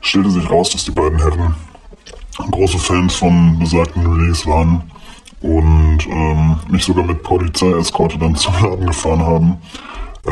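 An anonymous man telling a story in a disguised, pitched-down deep voice, hesitant with many fillers. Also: a little mellow, a little hiss or hum. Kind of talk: casual spoken anecdote.

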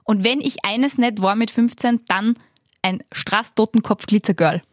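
A woman's voice: mid-range voice, measured pace, no room sound. Giggly young Austrian woman, dry sound. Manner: giggly, teasing, rambling. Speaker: podcast co-host. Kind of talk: casual chat.

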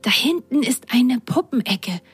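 A woman voicing Lili, a curious and excitable little girl sock in a children's storybook, with a high and eager voice. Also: measured pace, husky, faint music behind, heavily acted. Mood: excited.

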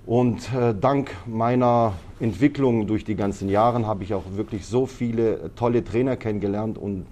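A man's voice: fairly low pitch, moderate pace, warm tone. A man who grew up in Italy, a martial arts trainer speaking as a podcast guest, talking casually with many hesitations and fillers. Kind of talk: casual interview talk.

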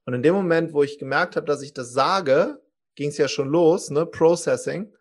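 Man in his forties, slightly high voice, lively storyteller, acts out quotes. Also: moderate pace. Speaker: podcast guest. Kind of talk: animated storytelling.

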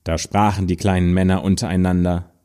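A man reading an old fairy tale aloud in a storytelling style. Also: low-pitched. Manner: slow, lively storytelling, raising his voice for quoted figures.

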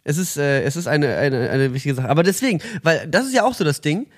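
A man's voice: on the high side, animated, fast, no echo, studio quality. A young man co-hosting a casual chat podcast, telling rambling stories with lots of fillers, restarts and laughter. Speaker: podcast co-host.

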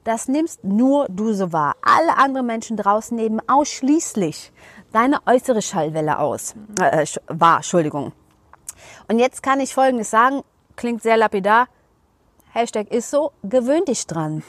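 A woman explains her craft in a loose, relaxed interview. She is frank and colloquial, with a blunt sense of humor, and her voice sits a little higher than most. The sound is close and dry. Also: normal speed, no echo. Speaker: voice coach and seminar leader.

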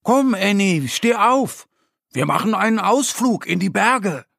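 Friendly storybook bear who explains things, unhurried and lively in pitch, voiced by a man. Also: creaky, no echo, clean studio sound, full character voice. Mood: eager. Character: friendly male bear, knowing and kind. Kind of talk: children's audiobook storytelling.

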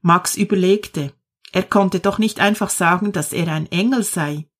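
Slow, calm woman storyteller. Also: on the low side. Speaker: narrator. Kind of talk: storybook reading.

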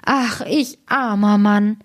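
A woman's voice: medium pitch, a little slow, no room sound, studio quality, close to an everyday voice. Fairy-tale carter, male, stubborn and grumbling; woman reader voices him. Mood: lamenting. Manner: grumbling, then wailing.

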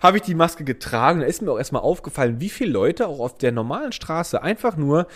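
Animated storytelling man, slightly high voice. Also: quick pace. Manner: animated storytelling, laughs often, restarts. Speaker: podcast co-host. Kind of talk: casual comedic chat.

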